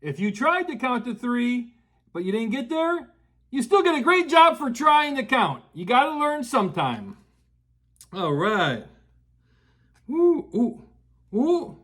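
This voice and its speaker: A slow, rambling grandpa-style storyteller hosting a children's story time. The pitch swoops widely and playfully through the tale, with folksy asides and questions to young listeners. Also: big pitch swings, a bit bright. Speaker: children's story show host.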